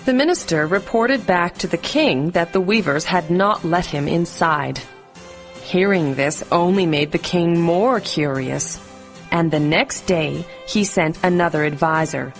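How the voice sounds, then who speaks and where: Lowish female voice telling kids a bedtime story, expressive storybook read, music behind it. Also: measured pace. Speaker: children's storyteller. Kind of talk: scripted bedtime story narration.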